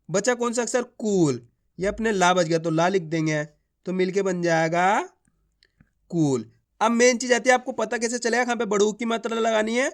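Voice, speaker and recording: A man teaching a beginners' spelling lesson, drawing out each word and asking and answering his own questions. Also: high-pitched. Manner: drawn-out words, repeats each word to the learner; addresses viewers as friends, asks and answers his own questions. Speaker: Hindi teacher.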